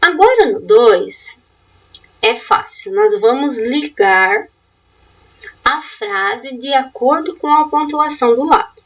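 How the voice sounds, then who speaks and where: A woman's voice: high-pitched, lively intonation, takes it slowly, recorded from a distance, poor audio. A woman teacher walking pupils through a worksheet in a remote lesson, asking questions and giving step-by-step instructions with emphatic, rising intonation.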